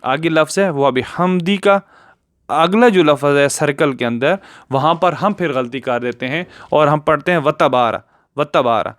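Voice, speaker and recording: A man giving a patient video lesson on correct prayer recitation, slowing down to draw out each Arabic word. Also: on the high side, fairly bright tone, no echo, clean studio sound. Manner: patient, explanatory, slows down to draw out Arabic words. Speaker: religious teacher.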